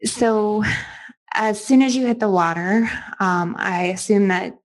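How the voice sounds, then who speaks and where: A middle-aged woman hosts an interview and asks her guest questions. She talks gently and reflectively, with a few fillers as she gathers her thoughts. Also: mid-range voice, unhurried. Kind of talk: interview conversation.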